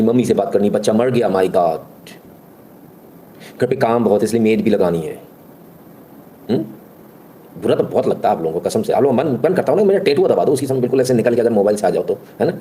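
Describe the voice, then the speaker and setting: A man's voice: on the low side, mellow, a little hiss or hum. A middle-aged man hosting a live stream, talking to viewers in a mocking, sarcastic, chatty way.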